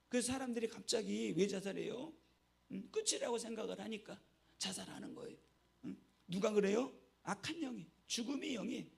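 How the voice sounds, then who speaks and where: A man's voice: high voice, vocal fry. A man, a pastor, preaching a sermon and telling stories, often checking in with the congregation with a short "eh?". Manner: storytelling, keeps prompting the congregation with short "eh?".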